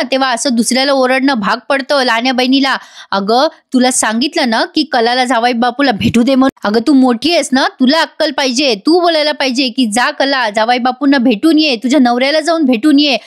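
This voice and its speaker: A woman's voice: high-pitched, dry recording, studio quality, natural voice. A woman voicing a stern scolding aunt. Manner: lecturing, scolding. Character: stern middle-aged mother figure, scolding.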